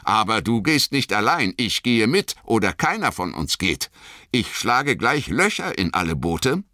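A man's voice: lowish voice, big pitch swings, a little slow, bright, forceful tone, dry recording, studio quality, voice pushed up, heavily acted. A man voicing a loyal, anxious male hobbit servant who pleads and stubbornly insists in a strained, pressing voice.

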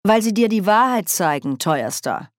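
A woman's voice: medium pitch, big pitch swings, normal speed, no room sound, clean studio sound, voice pushed up, natural voice. A woman playing a cold, proud sorceress. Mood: cutting. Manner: cool, superior, falsely friendly.

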